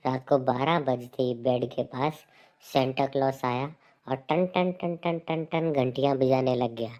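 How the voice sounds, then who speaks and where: A man's voice: medium pitch, steady tone, a little slow, a little mellow. A man hosting a comedy joke channel, telling jokes and playing out comic sketches. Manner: jokey storyteller. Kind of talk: comic skit narration and dialogue.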